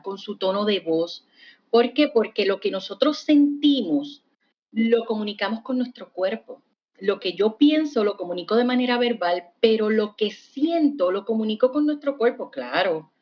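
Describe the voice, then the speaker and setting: A woman's voice: mid-range voice, highs cut off. A woman psychologist, a guest on a podcast, explaining patiently and often checking in with a "right?". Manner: warm explanatory, asks "¿verdad?" often. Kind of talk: podcast interview.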